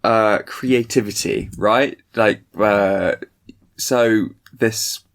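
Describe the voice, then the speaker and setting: A man co-hosts a podcast from the attic room of a family house, his voice on the low side and steady, creaky and extremely slow. The chat is casual and rambling, laced with dry jokes.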